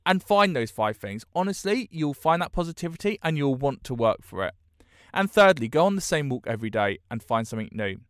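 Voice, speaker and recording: A man's voice: on the high side, big pitch swings, brisk, fairly bright tone, clean tone, dry recording, clean studio sound. A British man hosting a podcast, speaking in an earnest, encouraging self-help manner. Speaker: podcast host. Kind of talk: podcast monologue introduction.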